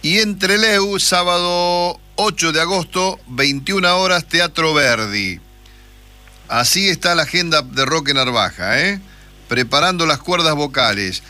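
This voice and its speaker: A man's voice: fairly high pitch, lively intonation, measured pace, sharp tone. A man with a Rioplatense accent hosting a radio show, chatty and joking, reading out event dates. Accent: Rioplatense Spanish. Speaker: radio host. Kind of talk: casual radio interview.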